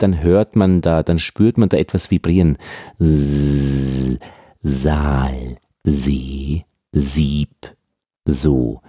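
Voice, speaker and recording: Deep, lively Austrian man teaching. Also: dry recording, clean studio sound. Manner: explains with lively emphasis, demonstrates sounds slowly. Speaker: speech trainer. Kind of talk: podcast pronunciation lesson.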